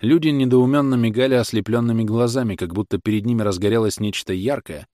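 A man with a medium-pitched voice narrates an audiobook, reading scripted literary text in a measured, even storytelling manner. The studio-quality recording has no room sound.

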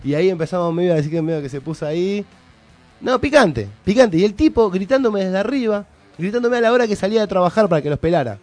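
A young Argentine man with a Rioplatense accent tells a heated story on the radio, in slang. He talks very fast and acts out the other man's lines as he goes. His voice sits a bit high. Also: dry recording, soft background music. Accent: Argentine Rioplatense Spanish. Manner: animated, slangy, acts out both sides of quarrels. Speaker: radio co-host.

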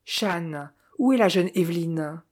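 A woman's voice: fairly low pitch, lively intonation, measured pace, a little mellow. A woman reading the part of a polite, earnest young man. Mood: hushed.

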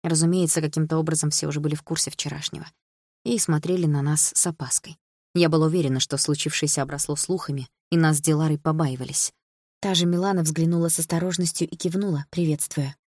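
A woman reading a first-person audiobook narration in an even, subdued manner. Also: low-pitched, quick pace, dry recording, studio quality. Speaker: audiobook reader.

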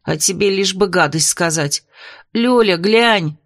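A woman's voice: on the low side, measured pace, no room sound. A woman voicing an indignant, fussy young tsar's daughter in an audiobook, in a voice close to her own. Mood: sulky.

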